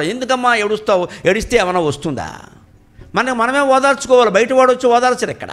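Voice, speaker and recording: Middle-aged telugu guy preaching, high voice, asks the crowd lots of questions, gets loud then drops low. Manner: lively storytelling lecture, rhetorical questions, swings from loud to quiet. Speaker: spiritual speaker. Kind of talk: Telugu spiritual discourse. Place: cultural hall at a memorial event.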